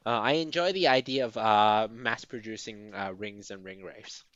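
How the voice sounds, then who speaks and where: A man co-hosting a podcast, joking around playfully and quick to laugh. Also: on the low side, a bit bright, no echo, dull audio. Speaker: podcast co-host. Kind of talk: casual podcast chat.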